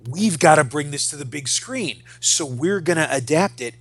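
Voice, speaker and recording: A man in his forties co-hosts a podcast, chatting casually with strong opinions and ranting and swearing freely. His voice sits a little high and sounds expressive and fairly bright, at a normal speed.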